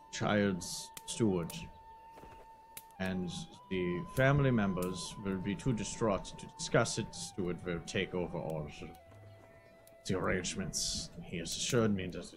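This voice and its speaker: A man speaking formally in character during a tabletop game. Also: lowish voice. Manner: measured and formal. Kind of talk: slow, formal in-character speech. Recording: music playing under the voice.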